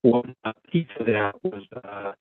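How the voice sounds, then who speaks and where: A man, a school superintendent, giving a budget report over a phone line that keeps breaking up and cutting out, pausing with many fillers. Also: lowish voice, animated, dry recording. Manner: halting, many filler sounds. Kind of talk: budget presentation at a public meeting. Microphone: mobile phone call. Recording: tinny dry phone line.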